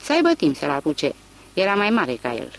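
A reader voicing Buckwright, a gruff country man. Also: medium pitch, very animated, poor audio. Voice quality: rough, brusque. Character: gruff rural man, harsh and clipped.

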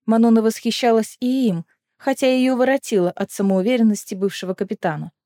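A woman narrating a fantasy audiobook in an even, measured storytelling voice. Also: mid-range voice, no room sound. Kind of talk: scripted narration. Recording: dry close mic with faint music.

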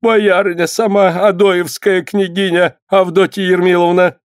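Give me a man playing a terrified old village healer woman, high and wailing. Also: level tone, a little slow, dry recording, clean studio sound. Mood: fearful. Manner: wailing, pleading, sing-song chanting.

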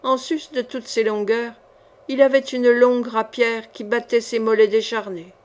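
Woman, audiobook narrator, measured storytelling, fairly high voice. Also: flat delivery. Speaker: audiobook reader. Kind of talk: audiobook narration of a classic novel.

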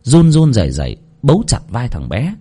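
A man's voice: mid-range voice, wildly swooping pitch, normal speed, mellow, breathy edge. A man reading a horror story aloud in a dramatic, vivid narration.

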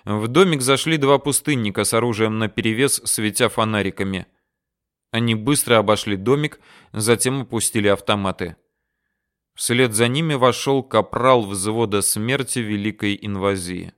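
A man narrating a first-person adventure story in a steady storytelling delivery. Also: fairly low pitch, normal speed, clean tone.

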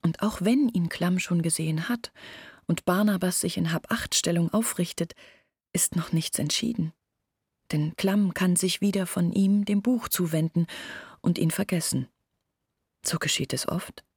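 In a radio play, an earnest village woman confides family secrets in a husky, lowish, slightly mellow voice, speaking deliberately and sometimes nearly whispering. The recording is very close and dry, with no echo.

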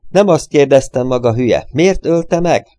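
A man playing a sweaty, tired police detective who talks in a gruff, impatient way. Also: mid-range voice, expressive, warm tone, close to an everyday voice. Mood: weary gruff.

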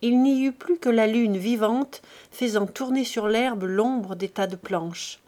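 Female narrator for a classic novel audiobook, measured and expressive delivery. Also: on the high side.

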